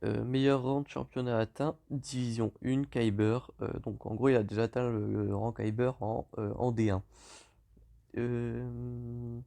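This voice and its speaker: Relaxed French man with a gravelly voice. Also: mid-range voice, a little slow. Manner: relaxed, lots of hesitations and self-corrections. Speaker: gaming YouTuber. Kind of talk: casual game commentary over screen.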